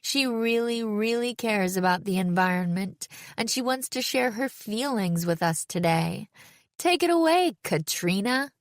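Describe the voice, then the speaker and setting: A woman's voice: on the high side, animated, unhurried, dry recording, studio quality, pitched above the performer's own voice. A woman reading an audiobook, voicing a sardonic teenage girl who hosts a poetry slam and teases with mock enthusiasm. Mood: mock-enthusiastic.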